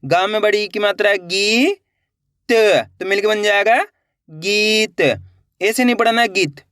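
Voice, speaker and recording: A man's voice: sits high, fairly even intonation, brisk, fairly bright tone, smooth, no room sound, clean studio sound. A man teaching a reading lesson online, sounding out each word syllable by syllable before blending it, and asking his learners questions to coax them along. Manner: spells words syllable by syllable, then blends them; coaxing, asks learners questions and urges them to try.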